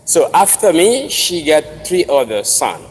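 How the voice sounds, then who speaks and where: A man's voice: on the high side, big pitch swings. Togolese-accented man addressing a reverberant hall. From Togo. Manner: deliberate, in short separated phrases. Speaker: commencement speaker. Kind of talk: formal speech with personal storytelling. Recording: noisy, reverberant large hall ambience.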